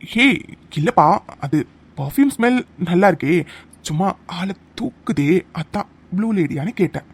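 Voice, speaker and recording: A voice actor doing a smug leering office creep, animated lilt. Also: medium pitch, moderate pace, breathy edge. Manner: smug, teasing, insinuating. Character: creepy young male office coworker, leering. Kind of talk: cartoon voice acting.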